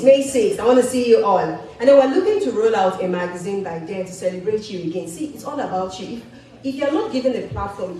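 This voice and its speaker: A woman's voice: medium pitch, mellow. A woman giving upbeat closing announcements at a student conference, coaxing the audience to take part. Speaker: student association leader giving closing remarks. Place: large echoey event hall. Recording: echoey hall from far off with faint noise.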